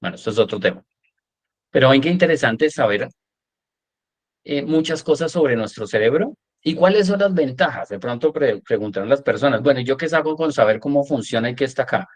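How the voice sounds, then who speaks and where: A man lecturing a workshop class, animated, often checking in with "¿sí?" and acting out examples. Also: mid-range voice, brisk. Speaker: coach teaching a workshop.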